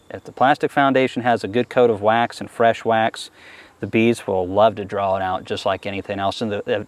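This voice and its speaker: A man with a fairly low voice answers interview questions in a casual, chatty way. He stays easygoing and enthusiastic as he talks through his work at an outdoor beehive. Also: darkish tone. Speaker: beekeeper being interviewed. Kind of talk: casual interview answers while working a hive.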